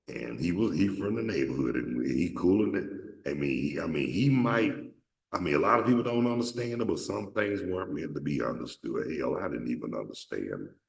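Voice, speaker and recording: He speaks briskly with lively intonation, his deep voice creaky. The speaker is an Atlanta, Georgia show host giving a casual storytelling monologue, rambling and cursing with many restarts, recorded from a distance in an echoey room.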